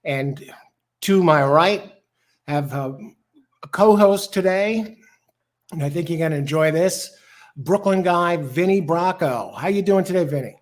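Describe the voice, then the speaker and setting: A man's voice: a little high, a little slow. A man hosting a casual live horse racing show, chatting through picks and greeting listeners. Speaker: host.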